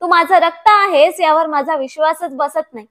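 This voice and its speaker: A woman's voice: very high-pitched, normal speed, a bit bright. A woman voicing an older father who speaks with pained reproach. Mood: hurt. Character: older father, proud and deeply hurt.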